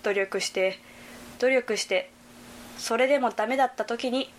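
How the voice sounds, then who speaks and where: Young woman, from Hyogo, scripted narration, careful reading, fairly high voice. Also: moderate pace, a little hiss or hum. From Hyogo Prefecture, Japan.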